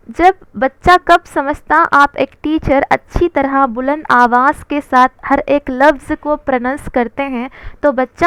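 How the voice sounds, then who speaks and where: A woman's voice: sits high, fairly bright tone, no room sound. A woman teaching an exam-prep lesson, asking questions and answering them herself, with English terms mixed in.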